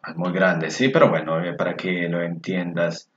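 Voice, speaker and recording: A man's voice: low-pitched, fairly even intonation. Spanish teacher man in an echoey room. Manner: friendly, repeats words slowly, mutters asides while fixing the screen. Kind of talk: screen-share grammar lesson for learners. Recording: echoey room, dull lo-fi sound.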